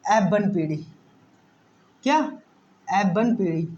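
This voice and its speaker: A man's voice: high voice, slow pace, a little mellow, highs cut off. A man teaching a science lesson, often repeating words and asking the class questions. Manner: repetitive, asks the class questions.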